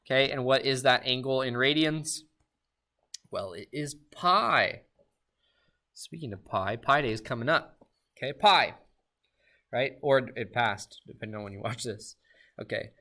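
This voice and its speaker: A man giving a recorded math lesson, upbeat and talking straight to his students with quick questions. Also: mid-range voice, lively intonation, bright, forceful tone. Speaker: math teacher.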